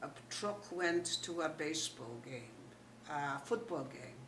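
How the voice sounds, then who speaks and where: An elderly woman from Poland with a Yiddish accent tells her life story in an animated way, retelling remembered dialogue. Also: sits low, a little slow. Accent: Polish Yiddish. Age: older, 80s. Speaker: Holocaust survivor giving testimony. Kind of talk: oral history storytelling. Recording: echoey room, distant mic, faint noise.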